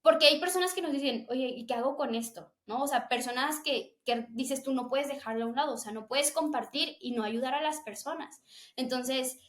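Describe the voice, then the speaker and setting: A young woman tells her personal story of faith with fervent, emotional earnestness. Her voice sits high. The room around her is echoey. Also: normal speed, a bit bright. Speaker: guest sharing testimony.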